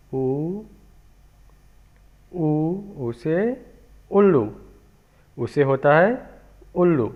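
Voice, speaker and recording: A man teaching a children's alphabet lesson, speaking slowly and patiently, repeating each sound for young pupils. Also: on the high side. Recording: tinny phone-like recording.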